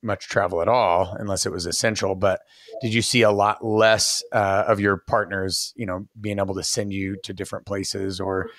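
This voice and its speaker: A male podcast host with a fairly low voice asks long, meandering questions into a boom-mounted studio mic. His sound is dry and close, with no room echo. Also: little pitch movement, moderate pace, a bit bright. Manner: long rambling questions with fillers. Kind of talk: casual interview. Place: home room with bookshelf. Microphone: podcast mic on boom arm, headphones.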